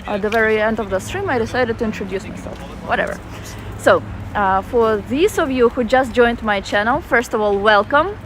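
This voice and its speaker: With slight background noise, a woman with a Russian accent speaks at a moderate pace in a fairly high, fairly bright voice. Strolling outdoors in a city park during a casual phone livestream, she chats away and reads out viewer comments, using fillers.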